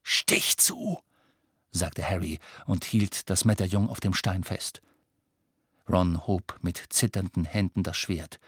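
Audiobook narrator: a man, unhurried, gravelly tone, dry close recording. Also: deep voice, fairly even intonation, dry recording. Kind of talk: scripted storybook narration.

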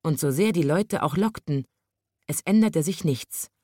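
Casting: woman storyteller for a children's tale, low-pitched, dry close sound. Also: unhurried, no echo. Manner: expressive, lively storytelling. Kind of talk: reading a children's story aloud.

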